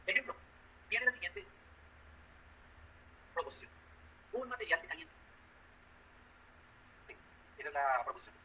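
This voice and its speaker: A man's voice: high-pitched, sing-song, normal speed, long pauses, bright, forceful tone, a little hiss or hum, poor audio. A man teaching a math class, walking through logic with everyday examples and asking the class questions. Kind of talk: classroom lecture.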